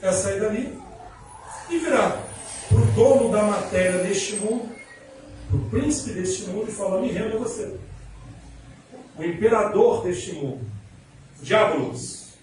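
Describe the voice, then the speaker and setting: High-voiced Rio preacher in echoey church. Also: male voice, expressive, a little slow, long pauses, darkish tone, a little hiss or hum. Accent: Rio de Janeiro Portuguese. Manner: conversational, storytelling preaching with casual slang. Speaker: pastor. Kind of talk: sermon. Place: church service. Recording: very echoey church, mic at a distance.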